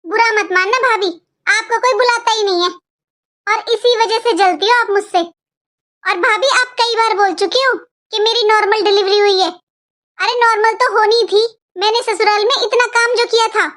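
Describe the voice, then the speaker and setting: A woman's voice: extremely high pitch, fairly bright tone. A woman voicing a sarcastic, spoiled young married daughter who taunts her sister-in-law in a Hindi cartoon.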